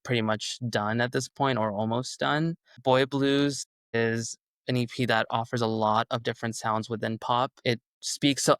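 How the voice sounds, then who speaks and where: A young Canadian singer-songwriter whose first language is Urdu rambles casually through an interview chat, full of fillers. His mid-range voice is a bit bright, clear, and resonant, with no room sound.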